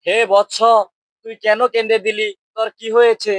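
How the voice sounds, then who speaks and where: A man with a rural Bangladeshi accent playing a foolish, pompous water spirit in a village comedy skit, mock-solemn and quick to bicker. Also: high voice, monotone, no room sound, natural voice. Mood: solemn, benevolent.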